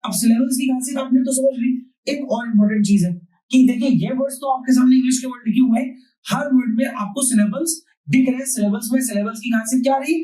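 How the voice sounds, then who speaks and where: A man's voice: very high voice, steady tone, fast, warm tone. A man teaching a grammar class. He repeats key points and asks questions that he then answers himself. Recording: roomy, distant mic.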